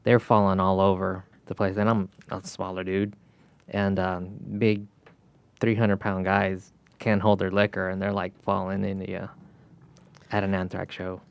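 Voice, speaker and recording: A man in casual chat who talks haltingly, searching for his words. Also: deep voice, little pitch movement, gravelly, clear, resonant tone, no room sound, highs cut off.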